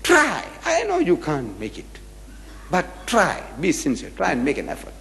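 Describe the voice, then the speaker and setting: An older man giving a public religious lecture, emphatic and lively, repeating and acting out phrases as he argues. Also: on the high side, moderate pace, creaky, big-room sound.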